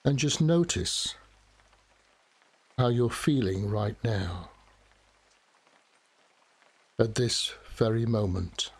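A man leads a guided meditation in a soft, soothing voice of medium pitch. He speaks very slowly, leaving long pauses between short phrases. Steady rain falls behind him. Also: slightly rough. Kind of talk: guided relaxation meditation narration.

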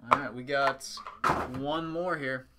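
A man's voice: mid-range voice, fairly even intonation, slow, very noisy. A man hosting a live trading card break, calling out items in short, clipped announcing phrases. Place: indoors at a tabletop with a display backdrop.

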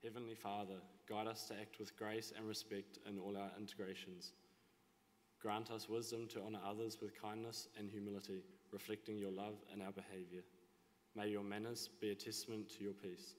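A young male student softly reading a short prayer at a chapel lectern. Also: on the low side, level tone, moderate pace, big-room sound. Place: large school chapel, at a lectern.

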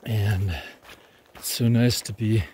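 A man's voice: lowish voice, fairly even intonation, takes it slowly, a little mellow, a little hiss or hum. A man vlogging casually on a forest trail, rambling with many fillers. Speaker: thru-hiker vlogger.

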